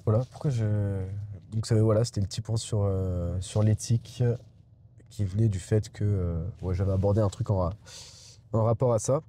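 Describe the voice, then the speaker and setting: A man's voice: fairly low pitch, steady tone, moderate pace, warm tone, a little hiss or hum. A young adult man vlogging from inside a car, rambling and digressive, with many hesitations and restarts. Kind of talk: rambling casual monologue.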